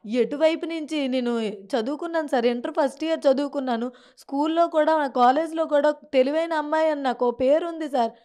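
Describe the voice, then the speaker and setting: In a brisk, warm voice that sits high, a young Srikakulam woman from Andhra Pradesh pleads through an emotional interview testimony. Distressed, she keeps calling the interviewer "sir," and her Telugu carries the local Srikakulam accent.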